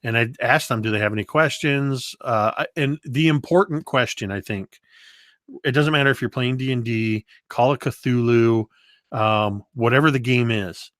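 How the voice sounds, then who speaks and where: A man guesting on an interview, telling game-table stories in a lively, animated way. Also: mid-range voice, moderate pace, no echo, clean studio sound. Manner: lively storyteller, does voices and moves around. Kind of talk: casual interview talk.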